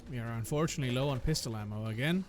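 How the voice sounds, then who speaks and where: A man's voice: medium pitch, very fast. A man giving casual commentary while playing a video game, speaking with wry understatement. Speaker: let's player.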